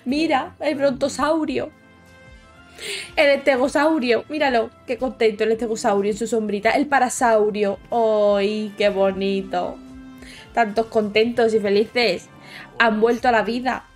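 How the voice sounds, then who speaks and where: A young woman with a Spain Spanish accent hosts a gaming video, previewing a game at home late at night. Her fairly high voice moves at a moderate pace as she gushes with excitement but keeps it down so she won't shout, with faint music behind her.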